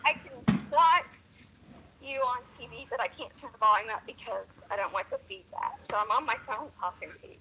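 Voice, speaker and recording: A woman's voice: on the high side, lively intonation, a little fast, bright, forceful tone, a little hiss or hum, poor audio. A woman calling in over a phone speaker, talking earnestly and apologetically while trying not to cry. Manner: earnest, apologetic, holding back tears. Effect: heard over a phone speaker. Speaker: caller on a live stream. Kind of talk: emotional personal testimony.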